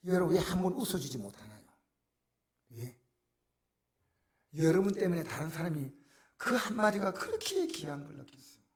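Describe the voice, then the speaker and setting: A middle-aged male pastor, preaching a sermon that swings from hushed near-whispers to loud exclamations. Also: high voice, very animated, normal speed, pauses often.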